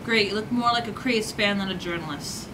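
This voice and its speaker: A woman's voice: mid-range voice, a little fast, lightly acted. An actress playing a ruthless female assistant editor who bosses people around and insults them crudely. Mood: scornful. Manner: mocking, bossy, crude insults. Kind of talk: student short-film acting. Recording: echoey room, mic far off, noisy.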